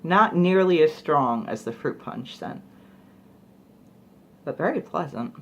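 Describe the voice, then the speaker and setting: A woman's voice: low-pitched, expressive, slow pace, highs cut off. A young woman chatting casually through a product review, rambling with fillers like "like" and "you know". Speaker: beauty vlogger.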